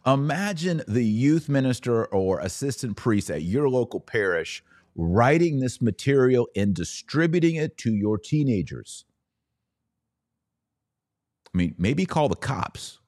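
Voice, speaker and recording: Unhurried and sing-song, this mid-range male voice carries a slight mellowness as he reads and reacts on his opinionated commentary podcast. His delivery is mocking, sarcastic and emphatic, captured as a dry, clean studio recording.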